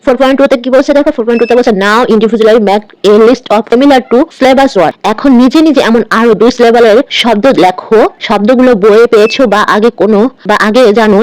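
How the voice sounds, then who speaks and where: A primary school English teacher walking through a textbook page, reading instructions slowly, then spelling words letter by letter and translating them. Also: mid-range voice, no echo, rough recording. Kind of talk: textbook lesson explanation.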